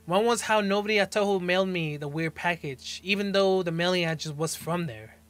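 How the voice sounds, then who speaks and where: Headphones on and desk mic close, a young reaction video host in his twenties reads captions aloud from a small bedroom, peppering them with slangy, exclamatory remarks. He talks briskly in a high, slightly bright voice.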